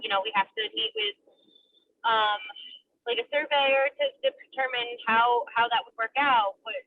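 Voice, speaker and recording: A woman's voice: fairly high pitch, normal speed, dry recording. A woman serving as committee liaison, calling into a meeting by car speakerphone while driving, speaking hesitantly with many fillers and restarts. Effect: car speakerphone call. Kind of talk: remarks at a public committee meeting. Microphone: phone speakerphone. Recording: tinny phone line, distant, faint road noise.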